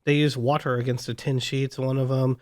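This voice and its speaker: A man's voice: mid-range voice, level tone, fairly quick, a little mellow, no room sound, studio quality. A man co-hosting a casual podcast in a living room, blunt and sarcastic, swearing freely. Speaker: podcast co-host. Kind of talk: casual chat.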